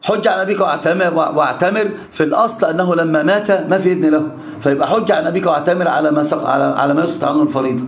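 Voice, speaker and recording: A man's voice: fairly high pitch, racing, hardly any pauses, a little hiss or hum. A man with an Egyptian Arabic accent teaching an interactive religious lesson, pressing his students with repeated questions. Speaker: Islamic scholar teaching students.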